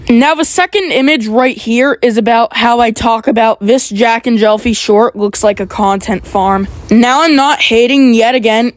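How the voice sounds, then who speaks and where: A woman's voice: fairly high pitch, no room sound. A woman giving a defensive, explanatory response to criticism in an apology video.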